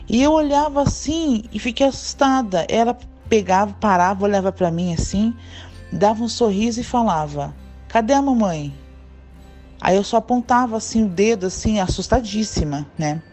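Woman telling a story, mellow voice. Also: medium pitch. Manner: animated, acts out quoted dialogue. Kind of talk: casual personal storytelling.

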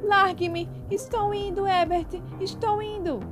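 A woman voicing a frantic older mother, desperate for her son, with shrill, pleading shouts. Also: steady tone, takes it slowly, over music.

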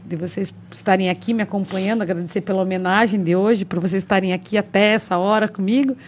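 A woman from Brazil, a guest on a podcast, telling anecdotes in a lively, animated way. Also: mid-range voice, quick pace, slight background noise. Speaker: podcast guest, local government official. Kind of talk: casual chat, storytelling.

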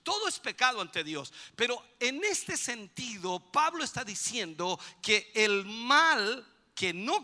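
A man preaching a sermon as pastor, building to shouted peaks and calling for amen. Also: very high-pitched, big-room sound. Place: church.

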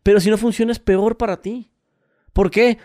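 A man telling a story in casual podcast chat, animated, full of crude slang and acted-out voices. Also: high voice, normal speed, no room sound, studio quality.

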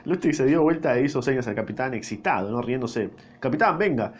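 A man's voice: mid-range voice, animated, fast, a little mellow, breathy edge. A young man with a Rioplatense accent reading a novel aloud, breaking off often for crude, swearing jokes and bursts of laughter. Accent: Rioplatense Spanish. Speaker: reader.

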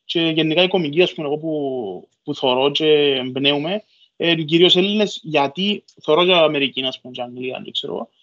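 A man speaks in a somewhat high voice with a Cypriot Greek accent. He talks in a loose, colloquial podcast style, leaning on repeated filler phrases. The recording is a little muffled. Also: fairly bright tone. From Cyprus. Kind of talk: casual podcast conversation.

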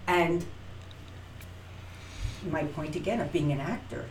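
A middle-aged actress and acting teacher tells her story as an interview guest, animatedly acting out quoted lines and frequently restarting. Her voice sits low and she speaks slowly, recorded in a roomy space, distant from the mic with faint noise.

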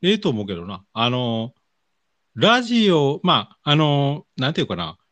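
Kansai man with very animated intonation. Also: mid-range voice, normal speed, dry recording. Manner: informal, colloquial. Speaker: radio show co-host. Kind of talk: casual chat.

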